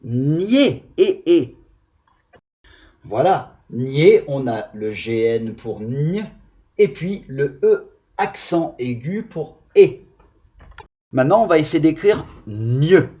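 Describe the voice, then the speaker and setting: A male primary school teacher, giving a reading lesson on video and sounding out syllables slowly and carefully. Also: mid-range voice, lively intonation, dark tone. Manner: slow, deliberate, over-articulated syllables. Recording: dull lo-fi sound.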